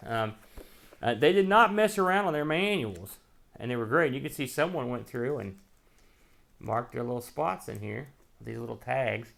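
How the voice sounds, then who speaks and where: Here a man with a mid-range, fairly bright voice hosts a retro computer unboxing show, animated and at a moderate pace with some vocal fry. He talks in a folksy, colloquial way, offering offhand remarks as he thinks out loud.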